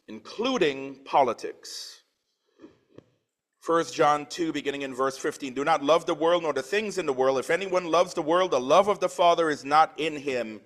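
Earnest higher-voiced male preacher. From Trinidad. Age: 40s. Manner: emphatic scripture reading with swelling loudness; plain conversational asides. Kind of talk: sermon. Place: church.

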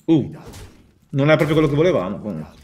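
A man's voice: mid-range voice, big pitch swings, quick pace, darkish tone. A man casually co-commentating a game in an emphatic way, repeating short exclamations. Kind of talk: casual chat over a game.

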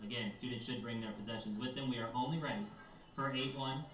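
A man reading school announcements over an intercom, in a measured way that repeats each instruction. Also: mid-range voice, fairly even intonation. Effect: heard over a school intercom loudspeaker. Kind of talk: public address announcements. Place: classroom, heard from a wall speaker. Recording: echoey distant intercom speaker with faint room hum.

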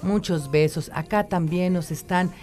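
Mexican woman radio host, lowish voice, upbeat, reads listener greetings on air. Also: steady tone, a little slow, a little mellow, faint music behind. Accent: Mexican Spanish. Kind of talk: live radio talk show.

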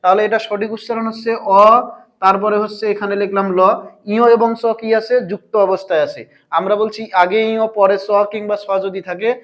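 A man teaching a language lesson, asking his viewers questions and answering them himself. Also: high voice. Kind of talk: explanatory grammar lesson.

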